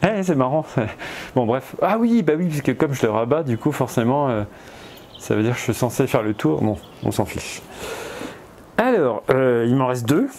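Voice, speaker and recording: This vlogger has a cold and rambles hesitantly outdoors on a spring day, restarting sentences, using lots of fillers, and chatting with his viewers on the side. He speaks at a normal speed in a darkish mid-range voice with lively intonation, against slight background noise.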